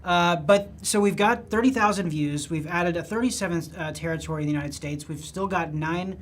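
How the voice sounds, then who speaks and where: A host of a live stream, announcing results and schedules in an upbeat, casual way with fillers. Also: male voice, high voice, brisk, slight background noise.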